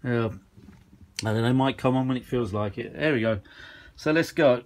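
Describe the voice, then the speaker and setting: A man with a medium-pitched voice talks at normal speed, chatting off the cuff with informal enthusiasm as he shows off his vintage audio gear. He rambles along in a casual, handheld demo filmed in a carpeted room at home.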